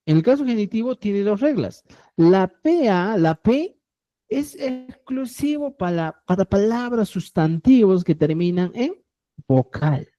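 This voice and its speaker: Slow, lively-pitched woman teaching grammar. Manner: slow, explanatory, repeats phrases and asks "¿ya?". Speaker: language teacher. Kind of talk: online grammar lesson.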